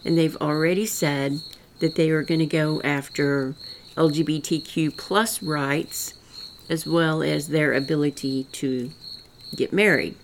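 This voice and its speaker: This podcast host, an older woman from rural Southwest Missouri, speaks alone about politics in a folksy, meandering, sincere monologue marked by her rural Missouri accent. Her low voice is unhurried with fairly even intonation, and slight background noise can be heard.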